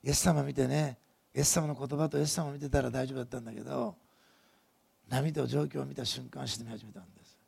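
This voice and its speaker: A man's voice: mid-range voice, steady tone, fast talker, vocal fry, a little mellow, breathy edge. A male pastor preaching a sermon, telling the story vividly and asking the congregation questions as he goes.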